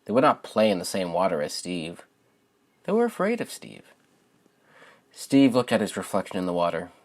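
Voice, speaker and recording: Introducing his channel casually, a young children's book author who reads his own work aloud speaks in a deep voice. His pitch swoops wildly, and his pace is moderate.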